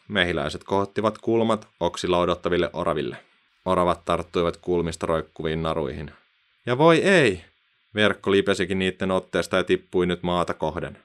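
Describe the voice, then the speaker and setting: Male narrator, low-pitched, expressive children's story reading. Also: smooth.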